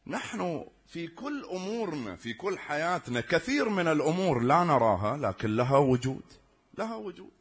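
Husky preacher. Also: male voice, fairly high pitch, big pitch swings, fairly quick. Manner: rhetorical questions to the congregation. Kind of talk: sermon.

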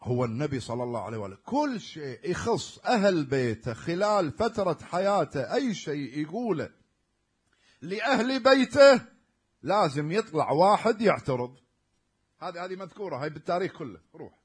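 A man's voice: fairly high pitch, sing-song, brisk, breathy edge. A man preaching a sermon in an Iraqi Arabic accent, stressing words hard and then dropping almost to a murmur. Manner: emphatic, swinging from loud stresses to near-murmurs.

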